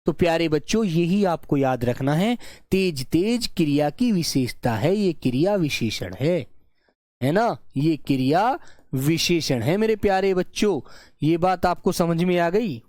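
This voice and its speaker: A man teaching an online grammar lesson, slowly dictating example sentences, repeating phrases and checking that his students follow. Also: a little high, lively intonation, darkish tone, no echo, studio quality. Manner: repeats phrases and keeps checking the class understands.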